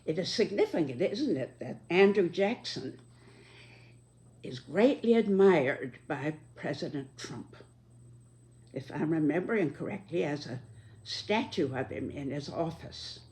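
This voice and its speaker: An American woman in her nineties giving a reflective monologue in a measured, deliberate, halting elderly way. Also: low-pitched, expressive, a little mellow. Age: 90s, very old. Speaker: speaker giving personal reflections.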